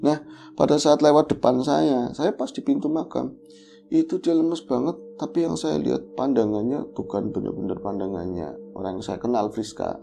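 A man telling a horror story in casual chat, animated and acting out the voices of the people in it. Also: mid-range voice, creaky, slight background noise. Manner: animated, acts out quoted voices. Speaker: guest storyteller.

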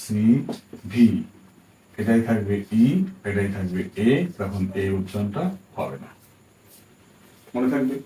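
Patient low-voiced teacher in an echoey room. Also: male voice, takes it slowly, long pauses, warm tone. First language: Bengali. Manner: patient, repeats and spells out letters, checks understanding. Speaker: English teacher. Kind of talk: spoken English pronunciation lesson. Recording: echoey room, distant from mic, faint background hiss.

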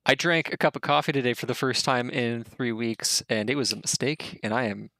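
This thirty-something man is running a tabletop game as game master on a video call, and his narration wanders, is packed with fillers, and keeps breaking into laughs. He speaks fairly quickly in a mid-range, bright, forceful voice, and the recording has no echo.

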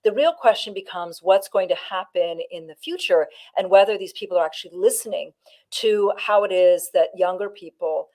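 A woman's voice: medium pitch, darkish tone. A woman from Canada, a former negotiator, giving a firm interview answer and stressing her key points. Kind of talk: political interview.

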